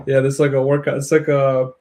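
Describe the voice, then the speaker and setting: Livestream host, man from Ukraine; mellow, dark tone, easygoing chatter with frequent laughs. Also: mid-range voice, slight background noise. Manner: friendly, chatty, laughs often while building. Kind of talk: casual chat with live viewers.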